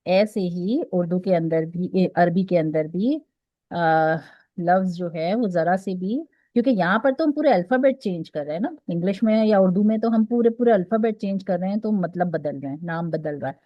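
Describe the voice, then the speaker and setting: A woman with a Pakistani Urdu accent leads an online recitation lesson, going through each rule slowly and often pausing to ask if her students are following. Her voice sits fairly low. The recording is dry and slightly muffled, like audio from a video call. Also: lively intonation, no echo. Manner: patient, explains step by step with frequent "theek hai?" checks. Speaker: Quran tajweed teacher. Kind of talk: online class lecture.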